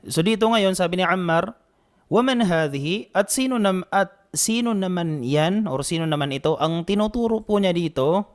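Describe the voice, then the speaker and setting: A man teaching an online Arabic grammar class with steady patience. He repeats each rule more than once and keeps checking that the students follow. He slows down carefully whenever he reads out an example phrase. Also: a little high. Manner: patient, repeats points, frequent "naam" and "okay" checks. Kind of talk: online language lesson.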